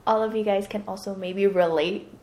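Steady, mellow and medium-pitched, this young podcast co-host from Hong Kong talks at a normal speed in her twenties. Her casual chat is packed with fillers, and the recording has a roomy echo.

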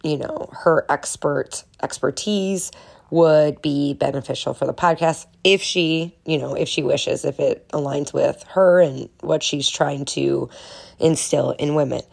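Low, creaky, nasal woman podcaster. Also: a little slow, a little mellow. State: getting over a cold. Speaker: podcast host. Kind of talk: casual solo podcast chat.

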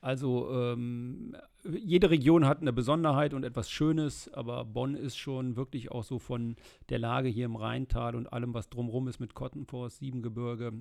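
Gravelly-voiced man, steady interview guest. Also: medium pitch, moderate pace. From Germany, Rhineland. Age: middle-aged. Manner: fluent and steady, with frequent filler sounds. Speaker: interview guest, state politician. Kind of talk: casual interview.

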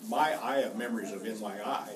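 An older man from Kansas chatting casually in a halting, reminiscing way. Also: fairly low pitch, reverberant. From Kansas, United States. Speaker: class member. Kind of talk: casual chat. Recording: distant mic, noisy room.

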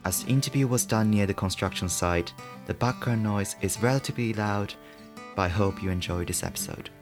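A man's voice: fairly low pitch, brisk, music in the background. A man hosting a podcast, reading a scripted introduction to the interview. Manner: short interjections of surprise.

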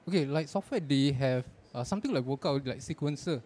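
A Singaporean man with a mid-pitched voice talks casually while out and about. His speech is colloquial and clipped in grammar, with Singlish particles, over clearly audible public ambience. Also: brisk, a little mellow. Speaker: podcast co-speaker on beat making. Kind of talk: casual chat. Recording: noisy ambience of a public place.

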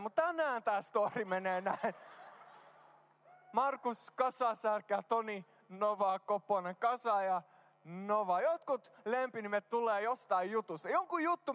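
A man's voice: sits high, fairly bright tone. A man preaching a casual, joking sermon in a church, mixing slang with prayer. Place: church hall. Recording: reverberant hall.

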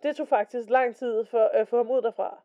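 A woman's voice: on the high side, steady tone. A woman co-hosting a casual podcast, reading stories aloud and chatting. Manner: chatty, reads quotes in a slower voice. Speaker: podcast co-host. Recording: dull lo-fi podcast recording.

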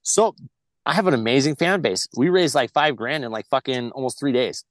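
A man's voice: medium pitch, animated, brisk, no room sound. Blunt, profane man telling stories. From United States. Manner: blunt and heavily profane, rambling with restarts. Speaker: podcast guest. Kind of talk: casual storytelling.

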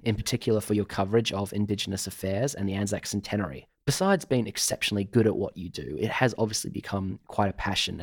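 Male interviewer with a fairly low pitch. Measured, formal podcast hosting from prepared notes. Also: a little mellow. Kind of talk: prepared interview introduction and questions.

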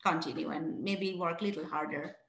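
A woman from Bangladesh talks through her story as an interview guest, earnest and reflective, pausing to restart her thoughts. Her voice carries a roomy echo, as if recorded in an open, hard-walled space. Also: deep voice, steady tone, creaky, a bit bright. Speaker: guest, founder of a mentoring program. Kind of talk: interview answers.

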